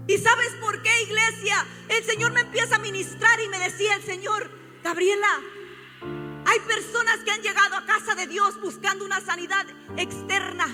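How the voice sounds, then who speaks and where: Fervent high-voiced woman preaching. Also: long reverb tail. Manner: fervent preaching, often rising to shouts. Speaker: prophet and pastor. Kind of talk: impassioned sermon. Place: church sanctuary.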